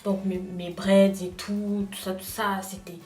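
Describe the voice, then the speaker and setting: A young woman vlogger telling a personal story in casual chat, talking straight to her viewers in an animated way. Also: medium pitch, unhurried, echoey room, recorded from a distance, faint music behind. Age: young adult. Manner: animated, addresses viewers directly.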